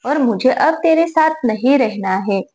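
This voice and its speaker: A woman's voice: sits high, lively intonation, measured pace, darkish tone. A woman voicing an angry, stubborn elderly mother-in-law who scolds harshly in a spoken story. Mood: angry scolding.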